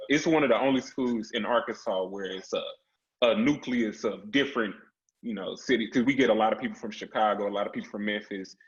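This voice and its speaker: A man in a casual panel discussion who speaks plainly and sometimes searches for words. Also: lowish voice. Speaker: panelist, HBCU alumnus. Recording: dull lo-fi call audio.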